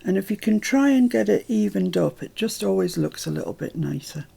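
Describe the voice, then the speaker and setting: A woman's voice: mid-range voice, expressive, brisk, creaky, mellow, slightly rough. An older British woman chatting through a crafting tutorial at home, rambling into asides as she works.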